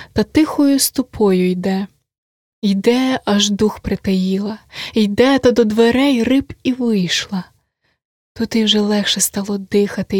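A woman narrating a classic story as an audiobook, measured and often hushed to a near whisper. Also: fairly high pitch, dry recording, clean studio sound.

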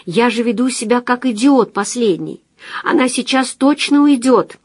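A woman's voice: fairly high pitch, animated, moderate pace, slightly rough, no echo, studio quality, voice pushed up. A woman narrator voicing a shy, awkward young man in his twenties who speaks hesitantly. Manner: hesitant and flustered.

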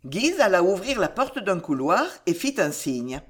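Expressive woman reading an audiobook. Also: lowish voice, a little slow, breathy edge. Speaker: audiobook narrator. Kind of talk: audiobook narration.

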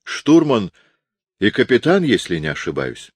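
A man's voice: lowish voice, huge pitch swings, unhurried, breathy edge, dry recording, pitched above the performer's own voice, exaggerated voice. A man voicing a pompous, officious fake male starship navigator who lectures everyone. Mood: haughty.

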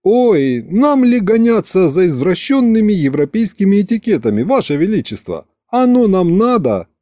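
A man reading an audiobook, voicing a cheeky young male courtier who flatters eagerly and sounds excitable. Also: high voice, moderate pace, no room sound, studio quality, voice pushed up. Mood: eager flattering.

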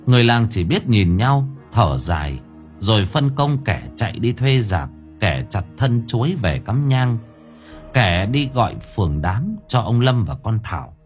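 A man narrating a story in an expressive, dramatic way. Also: medium pitch. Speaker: audiobook narrator. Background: faint music bed.

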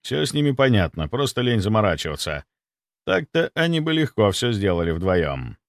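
A man's voice: fairly low pitch, big pitch swings, moderate pace, no room sound, clean studio sound. A man narrating a first-person audiobook in a tense, wry storytelling manner.

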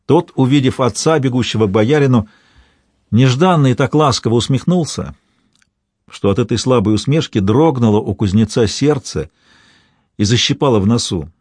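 A man reading a historical tale aloud in measured, storytelling narration. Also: mid-range voice, expressive, a little mellow, husky, dry recording, studio quality.

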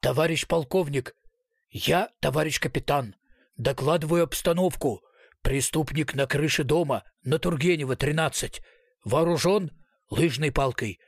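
A man's voice: on the high side, normal speed, gravelly, slightly rough, no room sound. Guy reading as a tough cop captain, short clipped lines, plain mid voice, dry. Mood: curt. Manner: terse, clipped commands. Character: stubborn male police captain, angry but controlled.

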